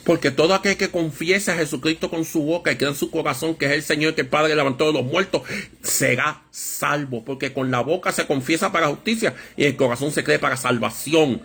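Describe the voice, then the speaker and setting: A man preaching a Bible study sermon, with a lively storytelling manner that acts out voices in anecdotes. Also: fairly high pitch, brisk, vocal fry, breathy edge.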